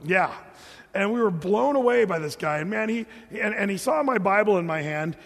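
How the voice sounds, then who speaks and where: A man giving a sermon as pastor, talking in a loose, animated way with restarts and asides. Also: sits high, moderate pace, long reverb tail.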